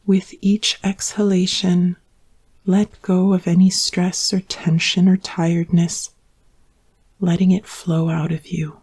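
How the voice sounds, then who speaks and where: A woman with a low, husky voice guides a yoga nidra relaxation, calm and soothing, leaving long pauses between her gentle instructions.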